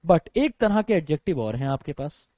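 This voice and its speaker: A lively male teacher with an Indian English accent gives an exam-prep grammar lecture, his mellow, warm voice leaping high and low at a normal speed. He is animated, calls his students friends and brother, and mixes English into his speech. The audio is dry and close, with no room echo.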